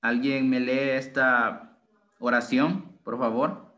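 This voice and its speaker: Brief: young male tutor on a video call, even middle pitch, patient and step-by-step, mixing two languages. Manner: explains slowly, switches between two languages, asks "right?". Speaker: English tutor. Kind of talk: online bilingual grammar lesson.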